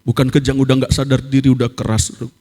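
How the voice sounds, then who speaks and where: A man's voice: mid-range voice, flat delivery, rapid-fire, mellow. A man giving a sermon testimony in a church, telling an emotional story and often calling out to the congregation. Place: large church hall. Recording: echoey church hall.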